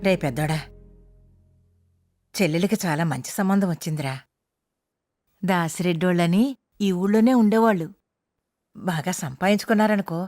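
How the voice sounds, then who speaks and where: A woman's voice: fairly low pitch, moderate pace, pauses often, a little mellow, no echo, soft background music, close to an everyday voice. An actress playing a middle-aged mother who speaks in a homely, matter-of-fact way, with a Telugu accent.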